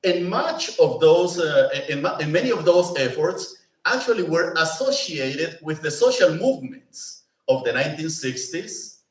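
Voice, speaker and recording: A man's voice: a little high, very animated, unhurried. A man giving a conversational lecture as a presenter at a pastoral institute, often asking the room "no?" and "you know?". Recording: roomy, mic at a distance.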